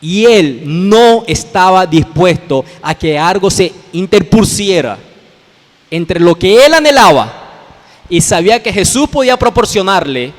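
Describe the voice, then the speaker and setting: Colombian male pastor, high-pitched sermon delivery, explains and repeats for emphasis, echoing church hall. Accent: Colombian Spanish. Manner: explanatory, addresses listeners directly, repeats phrases for emphasis. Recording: long reverb of a church hall.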